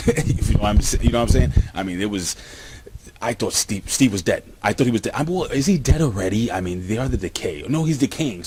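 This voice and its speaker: A man casually reviewing a wrestling show for his viewers, rambling and excitable, talking straight to the camera. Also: deep voice, a little hiss or hum.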